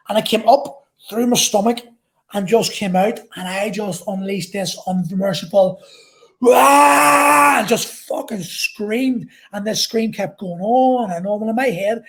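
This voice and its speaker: A woman vlogger telling an intense personal story in a halting way, repeating phrases and swearing. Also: mid-range voice, a little mellow.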